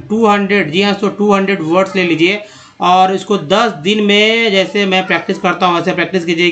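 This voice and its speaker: High-voiced Indian man teaching English words. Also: a bit bright. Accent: Indian Hindi. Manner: slow drawn-out word readings, repeats words. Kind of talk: Hindi spoken English reading lesson.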